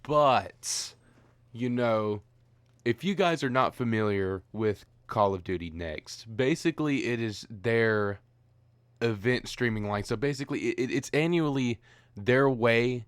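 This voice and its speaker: A man's voice: medium pitch, animated, a little slow, clean tone, dry recording. A tired man ranting profanely in a rambling, exasperated gaming commentary.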